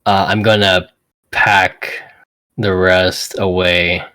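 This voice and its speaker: A man playing in a tabletop game, talking casually and rambling with lots of fillers, with a husky voice. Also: sits low, flat delivery, slow, bright, forceful tone. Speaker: player.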